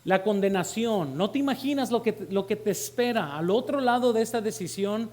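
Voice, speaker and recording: In a church, a Mexican pastor preaches a sermon in a voice that sits notably high for a man, with a darkish tone. Expressive and at normal speed, he addresses the congregation directly, calling them brothers and asking them questions.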